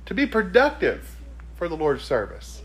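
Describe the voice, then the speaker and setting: Against slight background noise, a male preacher sermonizes at normal speed in a high, fairly bright voice with huge pitch swings. He presses on key words, fires rhetorical questions at the congregation, and slides from scripture reading straight into plain exhortation.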